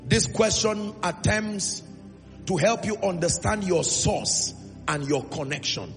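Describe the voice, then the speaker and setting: With lively intonation and a high, gravelly voice, a Nigerian man preaches emphatically. He calls out to the congregation in call-and-response and draws out key phrases; the hall is reverberant, with music in the background.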